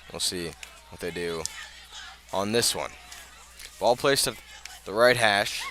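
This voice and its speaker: With a mid-range, fairly bright voice, an American man does live radio play-by-play of a football game. His delivery is measured between plays and swells as the action unfolds.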